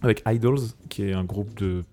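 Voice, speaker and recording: Podcast co-host, male, low dark voice, rambling and amused. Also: moderate pace, soft background music. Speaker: podcast co-host presenting tracks. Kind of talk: casual music chat.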